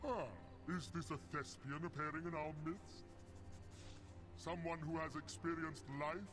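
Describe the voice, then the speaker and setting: A grandiose male demon door of stone, voiced by a man in a video game, declaiming every word like a seasoned stage tragedian. He sits a little high and speaks with florid, booming pomp, with faint music underneath. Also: natural voice. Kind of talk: video game character dialogue.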